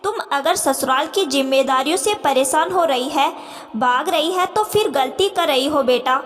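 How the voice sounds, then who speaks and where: A woman voicing a caring middle-aged stepmother who gently coaxes her daughter, in a reverberant room. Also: high-pitched, normal speed, lightly acted. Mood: advising.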